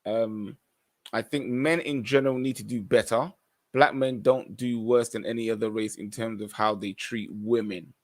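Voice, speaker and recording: A man's voice: on the low side, steady tone, normal speed. A man hosting a podcast, reading out viewer comments and giving his own earnest, opinionated responses, sometimes restarting as he reads. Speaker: podcast host.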